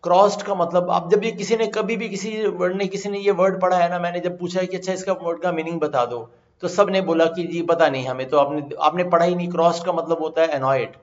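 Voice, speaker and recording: A man with an Indian accent teaching vocabulary over slides, mixing Hindi and English and slowly repeating his explanations. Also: sits high, steady tone. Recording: echoey, slightly dull recording.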